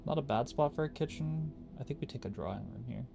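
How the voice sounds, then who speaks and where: A man thinks aloud through his moves, mumbling and grumbling as he plays. His voice is gravelly and mid-pitched. Game music runs clearly under his commentary. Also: expressive, fast talker. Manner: muttering, thinking aloud while playing. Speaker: gaming YouTuber. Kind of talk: casual gameplay commentary.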